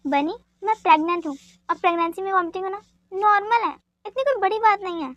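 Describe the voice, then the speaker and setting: A woman's voice: very high-pitched, quick pace, no echo. A woman voicing a patient, teasing pregnant young woman with a soothing, affectionate manner.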